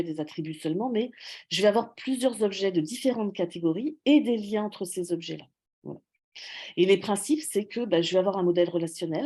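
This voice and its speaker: Woman academic presenter, low, warm-toned voice, patient explanatory delivery, frequent hesitations. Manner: explanatory, frequent fillers and self-corrections. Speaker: researcher giving a talk.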